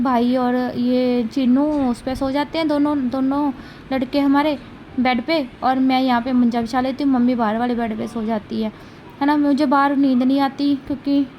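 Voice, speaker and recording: A woman's voice: sits high, darkish tone, a little hiss or hum. A woman vlogging casually at home about her day as a mother, talking in a rambling way with frequent tag questions. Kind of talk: casual chatty daily vlog.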